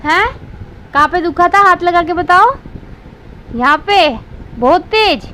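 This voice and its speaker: A woman's voice: very high voice, animated, slow pace, pushed and bright, a little hiss or hum. A young woman chatting casually in a home vlog, coaxing and teasing her small child as a mother. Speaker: mother and family vlogger.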